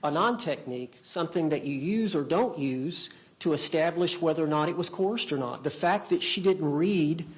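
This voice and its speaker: A man working as an attorney in a courtroom, examining a witness in a halting way, often repeating and rephrasing his questions. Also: on the high side, slightly rough.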